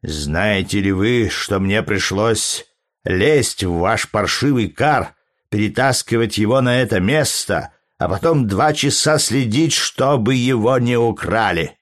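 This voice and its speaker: A man voicing a huge, gruff policeman who blusters and scolds loudly. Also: on the low side, expressive, unhurried. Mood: scolding.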